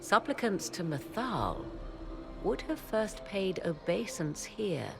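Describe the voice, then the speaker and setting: Over music, a woman with a medium-pitched, gravelly, sing-song voice speaks slowly and in an exaggerated way as a cool, aloof female mage and witch with a sharp tongue. The game cutscene, backed by a faint score, has her using haughty, archaic, formal wording.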